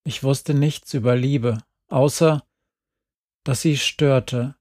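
A man reading an audiobook in calm, measured scripted narration into a close mic. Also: medium pitch, dry recording.

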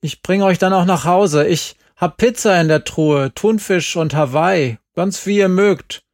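Lonely old dad with a cane, voiced by the male narrator; raised, loud, eager to please. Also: high-pitched, measured pace, no echo, studio quality, pitched above the performer's own voice. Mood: pleading. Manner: pleading, overly eager to please. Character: lonely older father leaning on a cane.

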